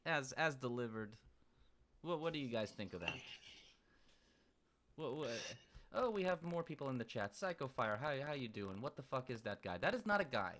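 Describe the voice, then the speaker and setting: A man's voice: mid-range voice, big pitch swings, normal speed, long pauses, a bit bright. A man hosting a casual livestream, blunt and crude, often repeating his words as he restarts sentences. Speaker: livestream host.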